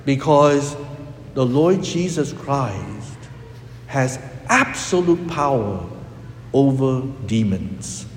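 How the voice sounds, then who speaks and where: A man preaching a sermon as a priest, with a slow, emphatic delivery that rises and drops dramatically. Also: mid-range voice, sing-song, slight background noise. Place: church. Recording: echoey hall with long reverb.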